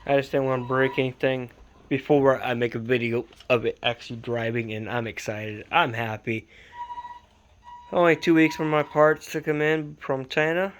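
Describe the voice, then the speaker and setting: A man's voice: medium pitch, level tone, moderate pace, slight background noise. A man filming a casual update on his model truck late at night, sleepy and rambling in an easygoing way, stopping to correct himself. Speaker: RC hobby vlogger. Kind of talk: casual build update vlog.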